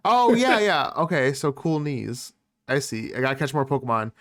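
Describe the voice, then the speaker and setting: A man's voice: medium pitch, moderate pace, a bit bright, no echo, studio quality. A man co-hosting a podcast in playful casual chat, laughing often. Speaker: podcast co-host.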